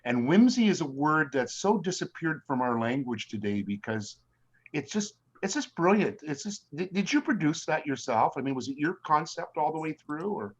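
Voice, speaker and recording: Older male host, halting and repetitive, mid pitch; slightly muffled recording. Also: very animated, slightly rough. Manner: halting, repeats words while starting questions. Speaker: interview host. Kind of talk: casual interview. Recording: slightly dull lo-fi sound.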